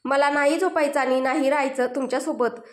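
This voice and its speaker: A woman's voice: high-pitched, steady tone, brisk, natural voice. A woman voicing a sulky, tearful young wife in a storybook tale. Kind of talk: storybook narration. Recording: roomy echo.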